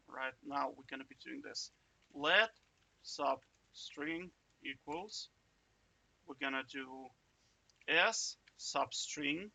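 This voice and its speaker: Slow-talking man walking through code. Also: on the high side, creaky, sharp tone. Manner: chatty, self-interrupting, jokey asides; checks in with "right?" often. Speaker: coding tutor. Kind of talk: casual screen-share coding walkthrough.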